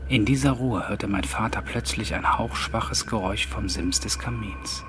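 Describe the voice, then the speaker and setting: Low-voiced man narrating a ghost story. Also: moderate pace, noisy background. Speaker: audiobook narrator. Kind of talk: scripted narration.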